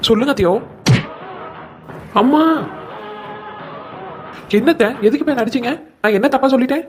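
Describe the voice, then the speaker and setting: A woman's voice: high voice, moderate pace, a little mellow, soft background music, lightly acted. A woman voicing a young cartoon daughter-in-law who complains plaintively about her treatment. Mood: aggrieved. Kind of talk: comic cartoon voice acting.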